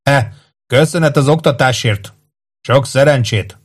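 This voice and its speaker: A man voicing a gruff, sarcastic male archer in an audiobook, with a dry delivery. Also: mid-range voice, voice pushed up, natural voice. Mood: dry, irritated.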